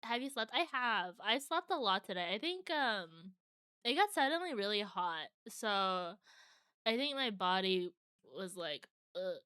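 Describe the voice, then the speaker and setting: A woman's voice: a little high, sing-song, measured pace, sharp tone, clear, resonant tone, no echo, studio quality. A woman livestreamer chatting casually with viewers in a cute, bubbly anime-streamer manner. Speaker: variety streamer.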